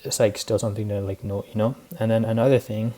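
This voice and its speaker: A teenage boy talks through his week in a loose, filler-heavy ramble, sounding tired and a little out of breath. His voice sits low and dark, with a flat, even delivery. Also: fast talker. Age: teens. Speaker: student trader recapping his week. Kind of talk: casual spoken recap.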